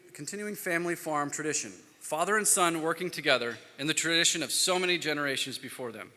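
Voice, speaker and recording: A man moderating a conference panel who reads formal speaker introductions and slips into quiet offhand asides. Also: on the high side. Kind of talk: reading speaker bios at a conference. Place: conference hall. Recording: reverberant hall sound.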